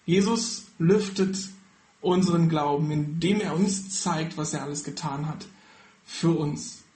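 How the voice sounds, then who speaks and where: A man's voice: a little high, measured pace, a little mellow, roomy sound. A man preaching a sermon on a Bible passage, earnest and personal, speaking directly to his listeners.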